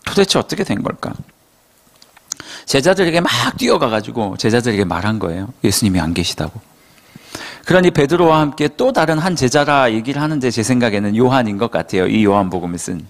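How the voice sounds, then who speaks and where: Animated male preacher telling a story. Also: mid-range voice, fairly quick. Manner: animated storytelling with rhetorical questions. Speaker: pastor. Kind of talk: sermon.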